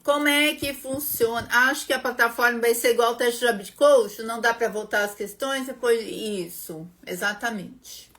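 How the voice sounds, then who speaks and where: A woman's voice: fairly high pitch, moderate pace, hardly any pauses, a bit bright. A young Brazilian woman hosting a casual live-stream lesson, chatting with viewers by name as she explains an exam. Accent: Brazilian Portuguese. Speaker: English teacher and live-stream host.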